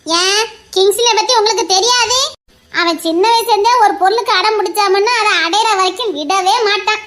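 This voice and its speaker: A woman's voice: very high voice, fairly quick, fairly bright tone. A woman playing a protective middle-aged mother who defends her son and argues with her husband in a pleading, reasoning way. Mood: defensive. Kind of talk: amateur audio drama.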